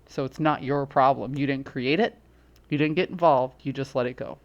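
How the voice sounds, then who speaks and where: A woman's voice: extremely low pitch, moderate pace, lo-fi sound. A woman giving a casual tarot reading who chats and explains her points through everyday examples. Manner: acts out quoted reactions. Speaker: tarot reader.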